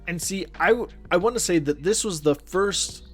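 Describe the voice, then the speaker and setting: A podcast co-host, recorded remotely apart from his partner, chats casually in a slangy, agreeable way over background music. His voice is high-pitched and fairly bright, at normal speed.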